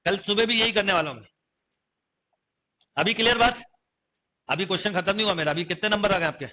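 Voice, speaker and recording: A man's voice: sits high, a little fast, bright, forceful tone. A young man teaching a maths class to students, often quizzing them and repeating key phrases. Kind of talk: online coaching class lecture. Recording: dull lo-fi class recording.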